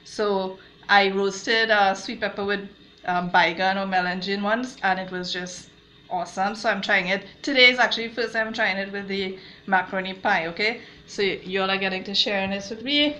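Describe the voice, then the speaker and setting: A woman's voice: medium pitch, steady tone, moderate pace, pushed and bright, a little hiss or hum. A woman, a mother cooking at home and chatting viewers through each step of a recipe. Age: adult mother. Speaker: home cook showing a recipe. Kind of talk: casual cooking demonstration. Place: home kitchen. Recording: echoey kitchen with clattering cookware. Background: dishes, cutlery and blender clatter.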